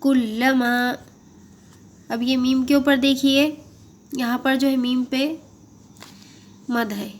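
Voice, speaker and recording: Female Quran teacher, high voice, patient; slow drawn-out model words, then plain explanation. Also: level tone. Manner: patient, repeats and checks understanding. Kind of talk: step-by-step tajweed lesson.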